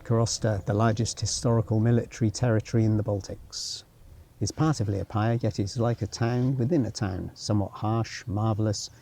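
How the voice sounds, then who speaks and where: Gravelly and fairly low, with a warm tone and a breathy edge, a man narrates his walk around a former military town. The travel vlogger's commentary is unscripted and musing, sprinkled with wry asides and the odd sign read aloud.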